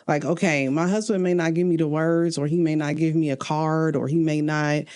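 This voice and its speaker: A woman's voice: low-pitched, steady tone, normal speed, darkish tone. A woman co-hosting a casual relationship podcast, speaking earnestly about faith and marriage and laughing often. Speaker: podcast co-host.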